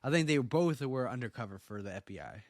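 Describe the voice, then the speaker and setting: A man's voice: mid-range voice, expressive, fast talker, no echo. A man from Oklahoma co-hosting a casual TV episode review, opinionated and rambling, with frequent restarts. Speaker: podcast co-host.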